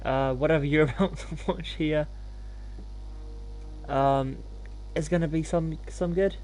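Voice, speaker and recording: A man's voice: fairly high pitch, fairly even intonation, unhurried, darkish tone. A man hosting a gaming livestream, talking in an informal, laid-back, self-deprecating way as he commentates. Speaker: live streamer hosting gameplay.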